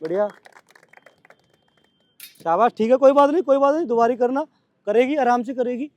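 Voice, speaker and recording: A male coach with a Delhi Hindi accent calling brisk commands and scolding his trainees at practice. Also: very high voice, a little mellow, lo-fi sound.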